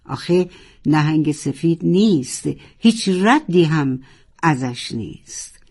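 A storyteller voicing a kind sunfish who softly comforts a frightened young narwhal. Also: medium pitch, lively intonation, breathy edge. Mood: soothing. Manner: soft, soothing, tender. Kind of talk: children's audiobook acting.

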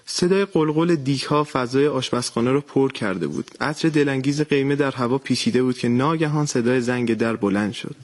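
A man reading his own short story aloud as a contest entry, steady, with a few small slips. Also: mid-range voice, few pauses.

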